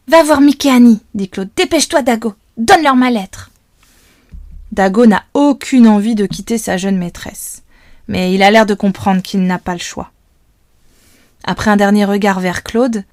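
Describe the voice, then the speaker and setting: Calm woman reading a children's story. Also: medium pitch, dry recording, studio quality. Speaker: audiobook reader. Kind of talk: children's audiobook narration.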